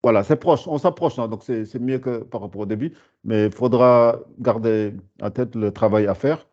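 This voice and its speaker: A man's voice: mid-range voice, moderate pace, a little mellow. A man teaching a beginners' Arabic class, patiently repeating sounds and words, with frequent fillers and restarts. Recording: dull lo-fi sound.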